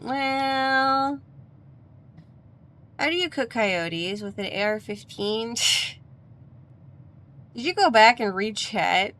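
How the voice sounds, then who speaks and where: Slow, bright-voiced woman playing games. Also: mid-range voice, a little hiss or hum. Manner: playful, talks to the dolls. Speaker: video game streamer. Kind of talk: casual gameplay commentary.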